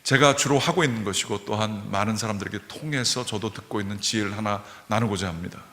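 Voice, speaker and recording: A man's voice: lowish voice, quick pace, sharp tone. A man preaching at a revival meeting, earnest and repeating key phrases for emphasis. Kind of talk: sermon. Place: church sanctuary. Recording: reverberant church hall.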